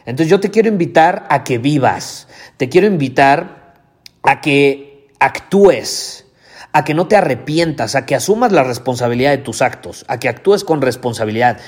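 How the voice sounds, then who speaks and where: A man hosting a podcast. He gives a motivational monologue with emphatic delivery, repeats key phrases and swears casually. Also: medium pitch. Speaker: podcast host.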